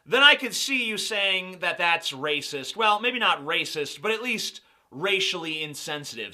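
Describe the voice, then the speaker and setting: A man's voice: high-pitched, pushed and bright. A young man giving sarcastic, mocking commentary on video clips. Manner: mocking, sarcastic, laughs at own jokes.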